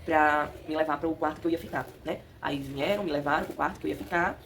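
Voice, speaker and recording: A woman's voice: deep voice, fast. A young woman chatting casually to her viewers, emotional and laughing as she tells her story at home. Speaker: vlogger. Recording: noisy home recording.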